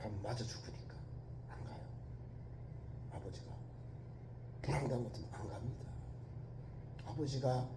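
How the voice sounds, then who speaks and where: A male pastor preaching a sermon, telling a story with emphasis and dropping from loud to hushed. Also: mid-range voice, moderate pace, pauses often, very noisy. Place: church sanctuary. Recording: echoey church hall.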